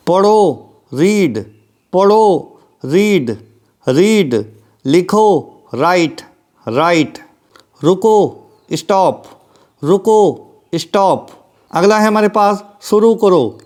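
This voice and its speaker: A man with a high voice runs a vocabulary lesson. He speaks slowly and deliberately and repeats every word to drill it in. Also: a little mellow. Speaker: English teacher.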